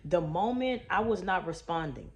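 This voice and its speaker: A woman's voice: lowish voice, animated, moderate pace, slight background noise. A middle-aged woman from Texas, a trauma coach, chatting folksy to her viewers in a story-time vlog and calling them y'all and baby. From Houston, Texas.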